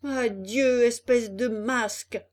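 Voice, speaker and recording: A woman voicing an eager, proud wooden puppet boy in a storybook reading, speaking brightly and emphatically. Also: fairly high pitch, takes it slowly. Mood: scolding. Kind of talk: storybook character voice.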